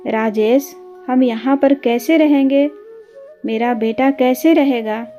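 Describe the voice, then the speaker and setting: A woman's voice: high-pitched, takes it slowly, muffled recording, faint music behind. A woman doing a cold, snobbish young wife. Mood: cold, disdainful. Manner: cold, sneering, dismissive.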